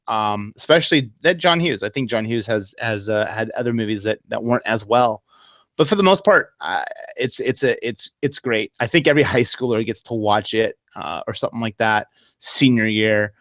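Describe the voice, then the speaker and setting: A man with an ordinary mid-range voice giving his opinions on a film in relaxed podcast chat. He jokes, stresses his points and repeats phrases for effect, recorded dry and close. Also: mid-range voice, normal speed, dry recording. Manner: joking, emphatic, repeats himself. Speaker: podcast co-host. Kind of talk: casual movie-review chat.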